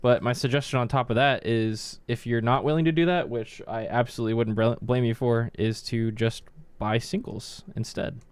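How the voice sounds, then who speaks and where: A man's voice: steady tone, moderate pace, few pauses, smooth, no echo. A young man, a card vendor, chatting casually and candidly, swearing freely. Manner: candid, swears freely, mimics people in high voices. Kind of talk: casual chat.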